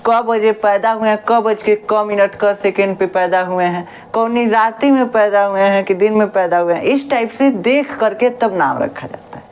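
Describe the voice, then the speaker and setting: A woman with a mid-range, slightly mellow voice teaches a science lesson in a chatty, homely classroom style. She keeps posing questions, answering them herself and repeating key words. A little hiss or hum is audible.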